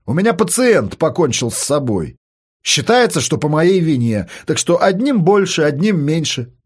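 A man's voice: a little high, moderate pace, slightly rough. Man playing a cold taunting psychologist. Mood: coolly taunting. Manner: calm, mocking, taunting. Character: cold, provocative male psychologist.

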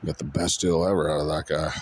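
A man's voice: rumbling low, level tone, fast talker, slightly rough. A man talking in a casual, rambling monologue, frustrated and swearing often.

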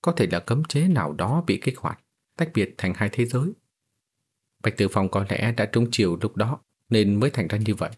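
A man reading a storybook voicing a calm young male cultivator who speaks in a composed, matter-of-fact way. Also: on the low side, moderate pace, breathy edge.

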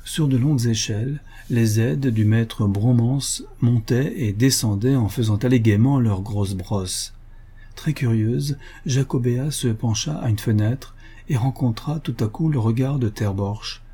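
Male narrator, measured storybook reading, mellow tone. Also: mid-range voice, husky. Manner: measured, expressive. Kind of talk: reading a classic short story aloud.

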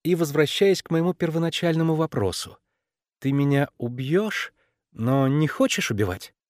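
A man's voice: on the high side, animated, a little mellow, dry recording, studio quality, pitched above the performer's own voice, natural voice. A man voicing a precocious, bossy eight-year-old girl who presses her questions insistently. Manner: insistent, quick, conspiratorial questioning.

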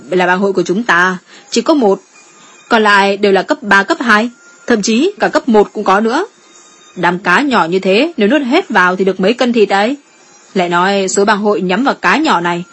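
A brash, joking male guild member boasts and blusters, as a woman reads his lines. The voice is slightly husky and stays at a middle pitch. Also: fairly quick, close to an everyday voice. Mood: blustering.

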